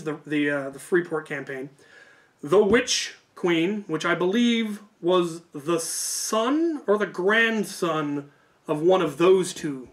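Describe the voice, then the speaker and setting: A YouTube host tells stories in a casual, rambling way, informal and hedging, frequently correcting himself. His voice is on the high side with a fairly bright tone.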